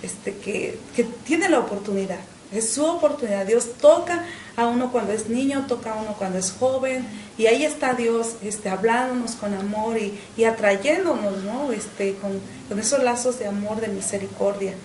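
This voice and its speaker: Earnest woman, slightly high voice. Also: moderate pace, darkish tone, echoey room, slight background noise, low-quality recording. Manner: earnest, with frequent "este" fillers and repetitions. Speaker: interview guest. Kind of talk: personal faith testimony.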